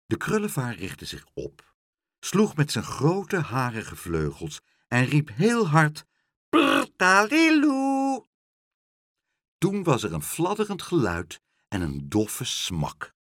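A man reading a children's story aloud, slow and expressive, recorded close and dry. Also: medium pitch, dry recording.

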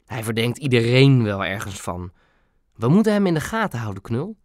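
A man doing a brisk, wry old grandmother. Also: medium pitch, very animated, a little mellow, no echo, studio quality, natural voice. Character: quick-witted older grandmother, brisk and bold. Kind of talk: storybook audiobook acting.

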